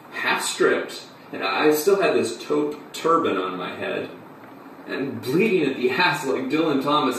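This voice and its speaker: Dramatic flamboyant guy stumbling through a monologue, far off mic, faint hum. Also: fairly high pitch. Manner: flamboyant, halting, breathless storytelling. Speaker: actor in a filmed monologue. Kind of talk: theatrical monologue. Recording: echoey room, distant mic, faint hum.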